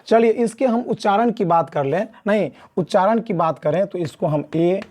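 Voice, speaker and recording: Man from Mithila, beginner English lesson at a board, mellow dark voice, slow and deliberate, repeats each point. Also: sits high. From Mithila region of India. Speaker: English teacher.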